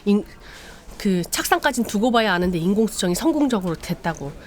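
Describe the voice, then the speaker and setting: A woman's voice: mid-range voice, animated, brisk, a little hiss or hum. A woman hosting a late-night live show, casually retelling a drama story in a chatty, loose way. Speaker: podcast host.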